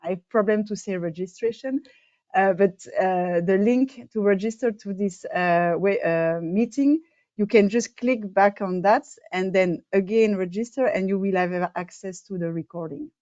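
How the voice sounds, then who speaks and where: A woman's voice: mid-range voice, normal speed, darkish tone, dry recording. A woman hosting an online meeting, hesitant with many fillers. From Belgium. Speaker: meeting host, co-chair. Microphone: video call. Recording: dull, dry video call audio.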